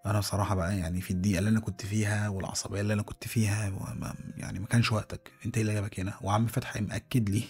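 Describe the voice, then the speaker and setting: An Egyptian man narrates a first-person horror story at a rapid clip. His voice is low, husky and gravelly. He tells it tensely, stumbling over words, with faint music playing behind. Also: darkish tone. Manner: tense, dramatic, with repeated restarts.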